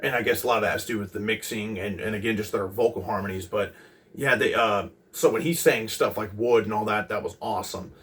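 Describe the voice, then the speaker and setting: A man in his twenties casually recalling a concert as host of a music channel, rambling with many pauses and restarts. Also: lowish voice, a bit bright, far from the mic. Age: 20s. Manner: rambling, lots of ums and restarts.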